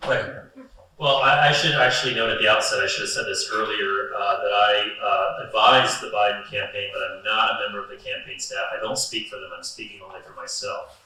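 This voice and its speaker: Lower-voiced man on an echoey panel. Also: fairly even intonation, bright, forceful tone. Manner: measured, hedging with frequent fillers. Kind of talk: panel discussion. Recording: echoey room, mic far off.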